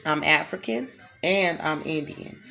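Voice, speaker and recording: Woman, low-pitched, strained throat, defensive, emphatic monologue. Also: unhurried, vocal fry, bright, forceful tone. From United States. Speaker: vlogger. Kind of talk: direct-to-camera monologue.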